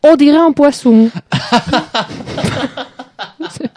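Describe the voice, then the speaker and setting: Sarcastic high-voiced woman. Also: drawn-out words, mellow. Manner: sarcastic, mocking, laughs often. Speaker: show host reviewing a TV series. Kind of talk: casual critical chat.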